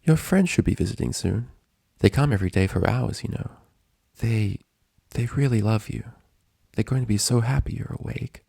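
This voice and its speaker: A man voicing a kind, concerned female nurse pony in a storybook reading, calm, soft and hesitant. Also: medium pitch, moderate pace, creaky, slightly rough, no room sound, studio quality, voice pushed up. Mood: gentle reassurance.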